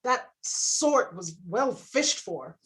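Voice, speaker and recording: A woman's voice: fairly high pitch, animated, very slow. A woman playing a flippant, witty, scheming noble in a Shakespearean drama, tossing out mocking quips. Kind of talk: Shakespearean stage drama performance.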